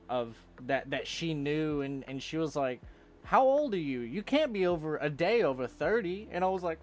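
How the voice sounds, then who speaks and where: A man in his twenties telling rambling, profane stories in a casual chat with friends. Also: on the high side. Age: 20s. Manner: rambling, profane storytelling, laughing often. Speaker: friend in a streamed group chat.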